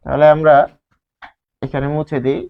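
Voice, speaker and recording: A man teaching a grammar lesson at a board, spelling words out slowly and answering his own questions. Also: fairly high pitch, monotone, vocal fry, clear, resonant tone. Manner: asks questions and answers them himself. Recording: dull lo-fi sound.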